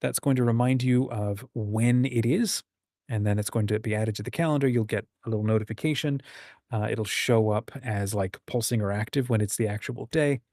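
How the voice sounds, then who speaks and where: Speaking a bit low at a normal speed, this man leads an online writers' group as its host and anthology editor, explaining things conversationally during a screen-share walkthrough and stressing his main ideas. The recording is dry and studio quality, his tone darkish.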